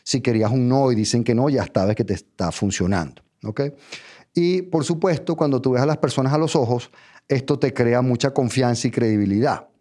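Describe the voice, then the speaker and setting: A man's voice: mid-range voice, fairly quick, mellow. Spanish-speaking man coaching public speaking. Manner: direct, addresses listener as tú, numbered steps, frequent "¿ok?". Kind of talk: instructional talk.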